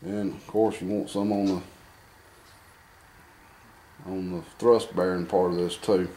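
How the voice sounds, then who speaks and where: A man's voice: deep voice, level tone, a little slow, warm tone, slight background noise. A man casually explaining an engine job as he works, thinking aloud and muttering to himself in a dim workshop. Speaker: home mechanic. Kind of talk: casual how-to demonstration.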